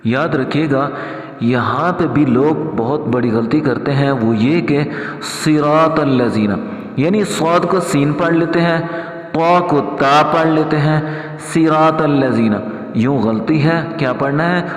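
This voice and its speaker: A man with a fairly high voice teaches tajweed, explaining common mistakes in calm talk. He then chants each verse slowly, stretching the sounds. The recording rings with the long echo of a large hall. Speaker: Quran recitation teacher. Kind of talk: tajweed lesson with chanted recitation. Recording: echoey hall.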